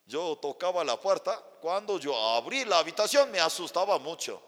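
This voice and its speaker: A man's voice: on the high side, very animated, normal speed, a bit bright. A male pastor, a native Chinese speaker, telling a sermon story with acted voices. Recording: long hall reverb.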